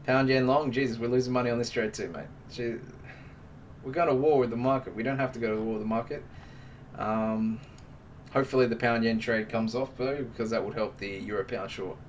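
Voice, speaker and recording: A man running a live trading stream, chatting casually and joking with his viewers as he goes through the market. His voice sits at an ordinary middle pitch. The mic is set back a little and picks up a faint background hiss. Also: fairly even intonation, a little fast, distant mic.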